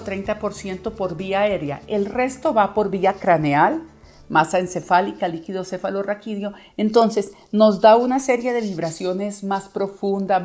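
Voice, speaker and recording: Woman voice teacher, clear explanatory lesson delivery, mid-range pitch, light music bed. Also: darkish tone. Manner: explanatory, acts out listeners' reactions. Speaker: voice coach. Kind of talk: educational video lesson.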